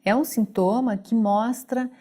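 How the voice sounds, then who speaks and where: A woman with a mellow, darker tone explains things patiently, like a voice therapist guest on a talk show. She speaks in a didactic way and builds each point with simple examples. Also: a little high, fairly even intonation, unhurried.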